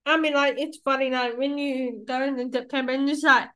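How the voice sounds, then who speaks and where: A woman's voice: high-pitched, fairly even intonation, normal speed, fairly bright tone, poor audio. A young woman hosting a podcast in casual conversation, rambling with lots of "like" and restarts. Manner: rambling, heavy use of "like" and restarts. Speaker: podcast host.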